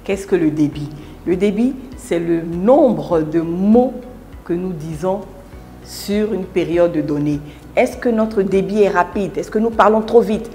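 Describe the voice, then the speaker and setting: A woman giving a public speaking lesson in scripted narration, deliberate, with emphatic pauses and big shifts between loud and soft. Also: fairly low pitch, soft background music. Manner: deliberate, with emphatic pauses and wide swings in loudness.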